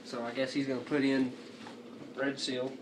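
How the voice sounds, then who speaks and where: A man's voice: mid-range voice, level tone, normal speed. A young man giving a casual review as he chats, talking with a lip full of dip. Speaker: amateur product reviewer. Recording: noisy, distant home video microphone.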